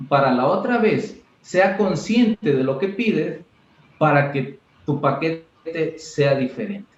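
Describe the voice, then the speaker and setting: Animated man coaching with lively examples. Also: fairly high pitch, slow pace, reverberant, highs cut off. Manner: animated, acts out examples in quoted voices. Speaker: mental coach, interviewee. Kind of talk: explanatory interview talk.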